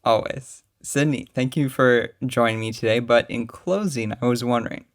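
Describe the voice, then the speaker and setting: A man's voice: mid-range voice, moderate pace. A young man hosting a casual podcast, talking in an upbeat, playful and encouraging way. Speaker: podcast host.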